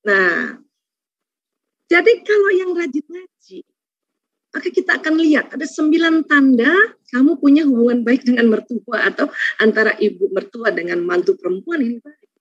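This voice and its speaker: A woman giving a lively religious talk, acting out little scenes and laughing often. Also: fairly high pitch, moderate pace, pauses often, slightly rough, no echo. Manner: lively, acts out quoted voices, laughs often. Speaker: speaker at an Islamic study program. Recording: dull, dry lo-fi sound.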